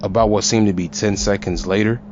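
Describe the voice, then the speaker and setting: A man's voice: on the low side, steady tone, a little fast, noisy background. A man narrating a first-person horror story in a tense, dramatic way. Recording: lo-fi with music and crowd sound.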